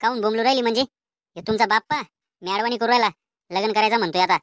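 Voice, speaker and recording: A woman's voice: fairly high pitch, quick pace, no echo, studio quality, natural voice. A woman doing a scolding village mother. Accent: Vidarbha Marathi. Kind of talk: cartoon comedy voice acting.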